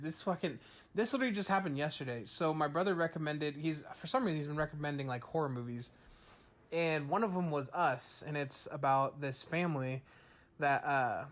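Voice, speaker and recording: Young male podcast co-host, slightly high voice, loose and profane storyteller. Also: fairly bright tone. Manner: loose storytelling, swearing freely, acting out quotes. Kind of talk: casual chat.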